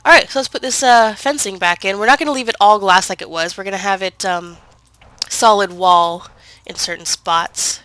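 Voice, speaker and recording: A woman gaming video creator talks casually through gameplay while congested from a head cold, using lots of fillers and correcting herself. Her medium-pitched voice is a bit bright, at normal speed, in a dry recording.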